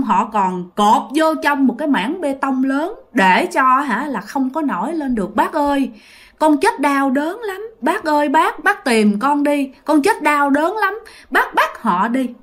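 A wronged little ghost boy , as a woman storyteller puts him on, begs an older man again and again. The voice sits high and swings widely as he pleads. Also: fairly bright tone, full character voice. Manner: pleading, repeating "bác ơi" over and over.

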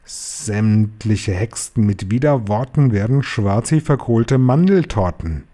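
A tyrannical witch leader played by a man reading aloud screeches her orders in a raised, strained voice. She stretches each threat out with slow, menacing weight, and the tone stays mellow and dark underneath. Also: medium pitch, voice pushed up, natural voice. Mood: scornful rage. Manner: screeching, spitting scorn, slow menacing emphasis.

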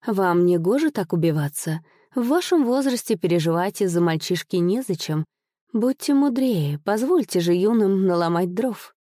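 A woman's voice: medium pitch, lively intonation, moderate pace, mellow, no room sound, studio quality, lightly acted. A woman voicing a mysterious noble lady who speaks in a sing-song, lightly mocking way.

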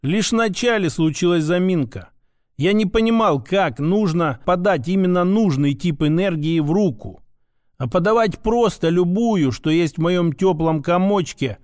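A man narrating a fantasy audiobook in the first person with a steady storytelling delivery. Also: on the high side, no echo, clean studio sound.

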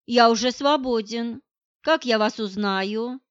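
A woman reading the lines of a gruff, flustered, boastful grey-haired middle-aged man in an audiobook, speaking curtly and grumbling. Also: fairly high pitch, takes it slowly, no room sound, lo-fi sound. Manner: curt, grumbling.

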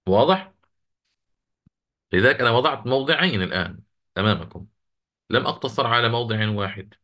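A man teaching a lesson on Quranic recitation, answering students' questions and slowly chanting the verses he quotes. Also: medium pitch, animated, sharp tone.

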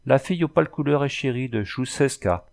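A man's voice: mid-range voice, expressive, brisk, creaky, darkish tone, pitched above the performer's own voice. A man voicing an old sorceress who speaks in solemn, cryptic riddles. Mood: oracular. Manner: solemn, oracular speech in riddles.

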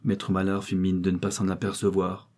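A man reading a classic novel aloud as an audiobook narrator, in a steady storytelling manner. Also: low-pitched, moderate pace.

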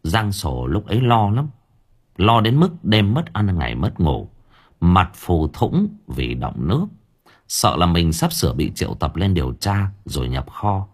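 Husky lowish guy reading a story out, wry and animated, swings his pitch around a lot. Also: a little slow. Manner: colloquial, wry and lively storytelling. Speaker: audiobook narrator. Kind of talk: storytelling narration.

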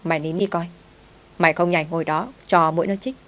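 A woman's voice: on the low side, steady tone, fast talker, natural voice. A woman voicing a brusque young man, the master of a rich house, curt and teasing with his servant.

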